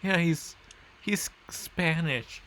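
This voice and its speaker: A man's voice: on the high side, drawn-out words, a bit bright, a little hiss or hum, rough recording. A man casually commentating a strategy game as he plays, rambling and correcting himself while he reads out place names. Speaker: gameplay commentator. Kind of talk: casual let's-play commentary.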